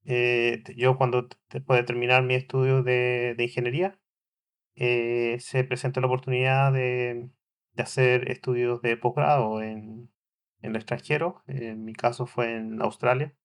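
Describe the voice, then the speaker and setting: A man's voice: medium pitch, level tone, a little slow, clean tone. Hesitant man in his forties. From Chile. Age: 40s. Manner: hesitant, many fillers and restarts. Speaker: podcast host. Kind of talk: solo podcast monologue.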